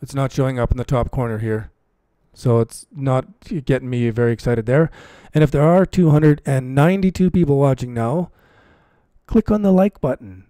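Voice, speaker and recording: Hosting a live stream, a cryptocurrency trading commentator chats casually with his viewers and frequently repeats phrases to stress a point. His mid-range voice has a dark tone at normal speed, with no echo.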